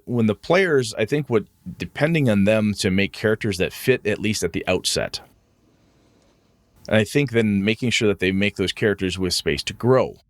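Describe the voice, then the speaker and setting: A man's voice: dry recording, studio quality. A man co-hosting a casual gaming chat. He swears freely and jumps his voice up for mock-outraged asides. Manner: animated, swings pitch up for mock-indignant asides; casual swearing, many restarts. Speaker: podcast co-host.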